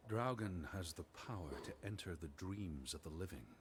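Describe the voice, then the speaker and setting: A man playing a weary, earnest gentleman in a story video game. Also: low-pitched, lively intonation, moderate pace, slightly rough, heavily acted. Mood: solemn reading. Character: Edward, weary, earnest, restless gentleman searching for sister. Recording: game audio with music behind.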